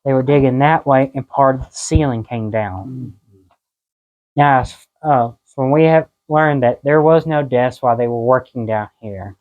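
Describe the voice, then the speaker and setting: A man's voice: medium pitch, measured pace, phone-quality sound. Folksy man guiding a cave tour. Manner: folksy, conversational. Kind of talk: informal guided-tour talk. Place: inside a limestone cave.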